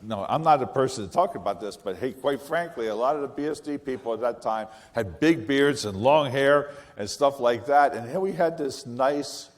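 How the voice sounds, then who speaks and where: An older man giving a conference talk, telling animated stories full of wry asides and quick self-corrections. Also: medium pitch. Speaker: conference speaker. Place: large conference hall. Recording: reverberant hall.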